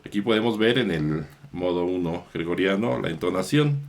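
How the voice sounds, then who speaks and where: A priest explaining how psalms are chanted, in a slow, measured lesson with small self-corrections. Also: male voice, low-pitched, lively intonation.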